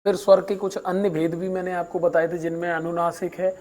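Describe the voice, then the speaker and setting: A patient male teacher recapping a lesson for his students. His voice sits a little high and sounds soft and mellow rather than bright. He draws out sounds slowly whenever he gives an example. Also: flat delivery, poor audio. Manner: mixes in English words.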